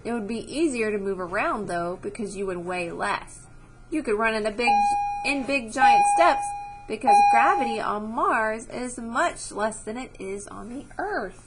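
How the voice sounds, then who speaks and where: A woman teacher with a fairly high, expressive voice reads a science book aloud to children at a measured pace, explaining as she goes. She checks their understanding with short questions, and the recording is rough.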